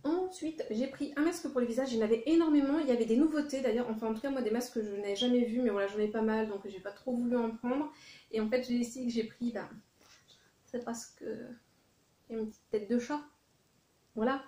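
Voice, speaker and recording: A woman's voice: on the high side, fairly even intonation, fast, warm tone. A woman chatting casually through a shopping haul, with many fillers and self-corrections. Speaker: vlogger. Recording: echoey room.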